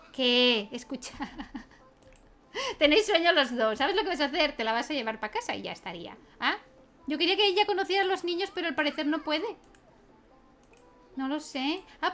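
Chatty high-voiced woman gamer. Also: animated, normal speed, a bit bright. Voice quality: chatty, laughs often, keeps asking ¿vale?. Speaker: gaming video creator. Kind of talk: let's play commentary.

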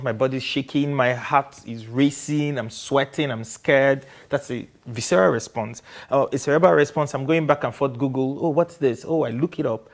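Animated man reviewing a book. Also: medium pitch. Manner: animated, expressive, acts out reactions.

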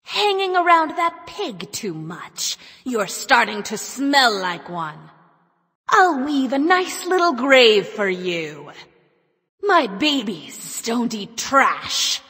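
An actress voicing a sly, sinister spider-woman in a video game, taunting with silky menace in a husky, breathy voice. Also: fairly high pitch, big pitch swings, slow, fairly bright tone, long reverb tail, exaggerated voice. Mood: mocking.

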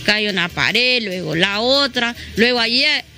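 A reporter holds a handheld mic toward a middle-aged local woman outside her home, and she testifies spontaneously in a southern Honduran accent. Her voice is on the high side, animated, pushed and bright, and she takes it slowly. She repeats herself and often tags on "¿verdad?".

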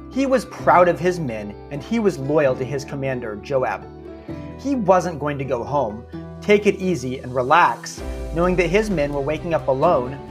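A man narrating a story podcast in a casual, snarky way, dropping wry asides as he goes. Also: a little high.

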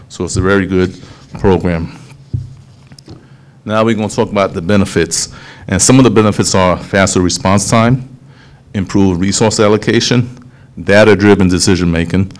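A man, a police official explaining a program to a town hall meeting, steady and explanatory, often restarting phrases. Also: low-pitched. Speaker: police official presenting to city council.

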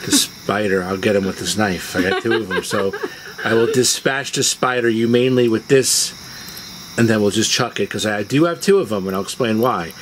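A male video host tells personal stories in a relaxed manner, speaking at a moderate pace in a lowish voice. He's recording outdoors on a house porch at dusk, where crickets and insects chirp in the background.

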